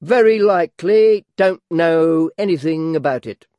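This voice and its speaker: Man voicing a dismissive clerk, clipped phrases, slowish, pitched up. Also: no room sound, highs cut off, lightly acted. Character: offhand male clerk talking through his lunch.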